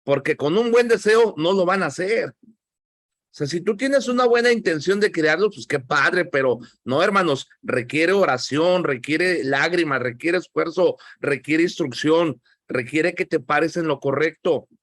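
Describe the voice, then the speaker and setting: A man's voice: on the high side, a little slow, a bit bright, dry recording, studio quality. A man with a Mexican accent teaching a Bible class, talking conversationally and asking the class questions.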